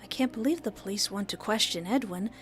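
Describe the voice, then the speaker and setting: A woman's voice: mid-range voice, a little fast, fairly bright tone, a little hiss or hum, natural voice. A woman reading a visual novel as an anxious, shaken young student narrator, with a hesitant and worried manner. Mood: anxious, dazed.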